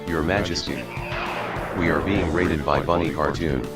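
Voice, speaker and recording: A man's voice pitched down into a deep demonic effect, announcing stream alerts as a sinister herald of a dark queen. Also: steady tone, moderate pace, loud music behind the voice. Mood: ominous. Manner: formal, ominous announcements.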